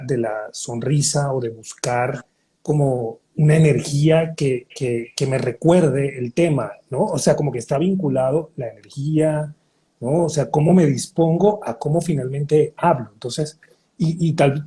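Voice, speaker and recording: A man's voice: mid-range voice, dark tone. A man hosting an interview, speaking in a thoughtful, reflective way about what he learned. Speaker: host. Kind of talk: casual interview chat.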